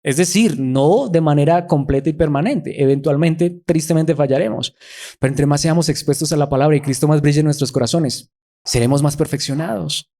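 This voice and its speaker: Earnest man preaching, mellow higher voice. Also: fairly quick. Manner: earnest, rises and falls in emphasis. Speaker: pastor. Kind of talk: sermon.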